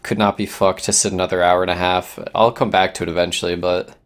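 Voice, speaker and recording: A man co-hosting a casual podcast, excitable and swearing, often trailing off mid-sentence. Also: deep voice, fast. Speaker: podcast co-host. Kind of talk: casual chat.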